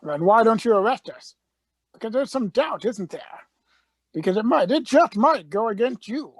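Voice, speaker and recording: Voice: mid-range voice, lively intonation, moderate pace, no echo, studio quality. An actor playing an eccentric, defiant space-travelling Doctor in a radio play, urgent and given to repeating phrases. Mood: defiant, probing.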